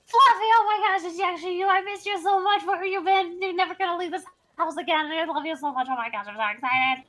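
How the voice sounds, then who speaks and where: A woman voicing an excited little girl who gushes over her lost cat in a squealing, breathless voice. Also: very high-pitched, fast, voice pushed up. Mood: gushing.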